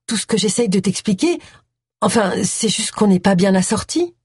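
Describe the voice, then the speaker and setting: A woman voicing a young woman in an audiobook reading, lively and a touch husky. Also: mid-range voice, moderate pace, dry recording, clean studio sound. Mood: firm.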